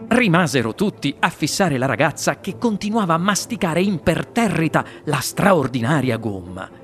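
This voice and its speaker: A narrator reading a children's story aloud with expressive storytelling. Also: medium pitch, normal speed, soft background music. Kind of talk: audiobook narration.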